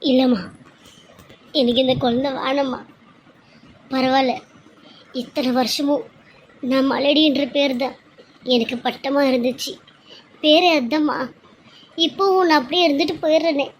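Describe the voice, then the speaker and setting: A woman's voice: high voice, fairly even intonation, measured pace, long pauses, slight background noise, poor audio. A woman voicing a desperate, tearful young pregnant wife in a cartoon serial, pleading and lamenting.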